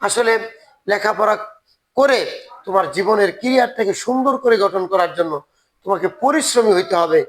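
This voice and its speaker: A man's voice: high-pitched, normal speed, low-quality recording. A man teaching a grammar lesson on video, earnestly urging his students and repeating words for emphasis. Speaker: English teacher.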